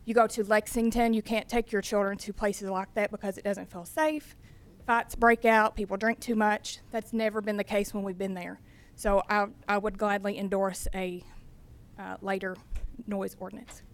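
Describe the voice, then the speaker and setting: A woman whose voice is going speaks at a city council meeting. Her delivery stays flat in pitch but earnest, pushing louder in bursts. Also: moderate pace. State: losing her voice. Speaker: foundation board member giving public comment. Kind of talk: public comment at council meeting.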